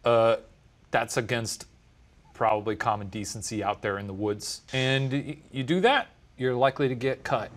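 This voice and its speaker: A young man co-hosting in a dark studio, riffing playfully with mock-heroic bits. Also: mid-range voice, moderate pace. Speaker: co-host. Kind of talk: casual chat.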